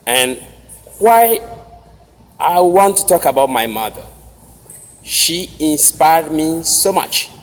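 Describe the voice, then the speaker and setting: A man from Togo with a Togolese accent gives a formal commencement speech with personal storytelling, speaking deliberately in short, separated phrases. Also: fairly high pitch. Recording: noisy, reverberant large hall ambience.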